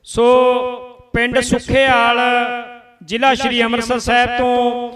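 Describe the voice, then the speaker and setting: A man's voice: very high voice, monotone, normal speed, fairly bright tone, distant mic. A man announcing groups and speakers at a rally stage in a formal, courteous way.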